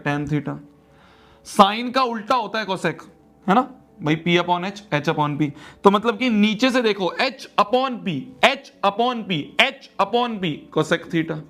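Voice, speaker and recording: High-voiced young male math teacher. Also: fairly bright tone. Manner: repetitive, drills steps and addresses students as friends. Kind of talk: online math lesson.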